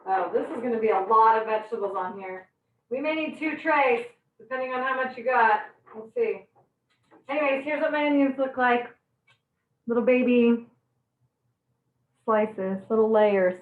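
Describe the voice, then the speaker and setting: A woman's voice: fairly high pitch, normal speed, pauses often, reverberant, narrow, tinny audio. A woman teaching a live online cooking class, chatty and bubbly, teary-eyed from chopping onions. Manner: bubbly, chatty, laughs at her own jokes.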